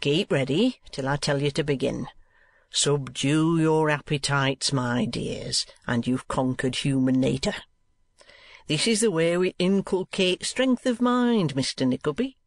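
For a storybook reading, a man voices a greedy, sanctimonious middle-aged schoolmaster, drawing out his lines in an oily, preachy way. The voice is a little high and expressive, recorded with no room sound.

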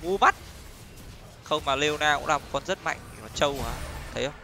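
A man commentating his own gameplay live, teasing and excitable, laughing often. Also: fairly high pitch, fast, noisy background. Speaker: gaming streamer. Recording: music playing behind.

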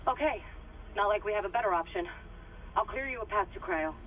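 A woman's voice: medium pitch, expressive, brisk, muffled recording, natural voice. A woman playing a tense, decisive crew officer giving guidance in a video game. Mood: tense, urgent. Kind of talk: dramatic video game acting. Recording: noisy in-game radio call.

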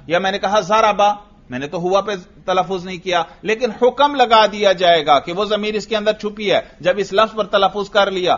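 A man's voice: high voice, a bit bright, lo-fi sound. Man teaching grammar with a Pakistani Urdu accent. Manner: explains patiently, asks the class questions and answers them himself. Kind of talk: classroom grammar lecture.

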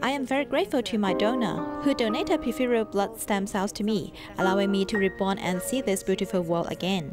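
A woman's voice: mid-range voice, fairly quick, hardly any pauses. A woman giving an interview in English dub, speaking earnestly and gratefully. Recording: voice-over with music underneath.

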